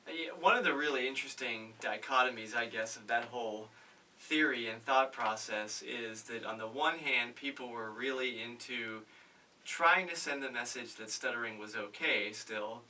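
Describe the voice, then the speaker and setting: A man speaking on a panel about stuttering, earnest and measured, with frequent fillers. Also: mid-range voice, bright, forceful tone, far from the mic, slight background noise, rough recording. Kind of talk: casual panel discussion.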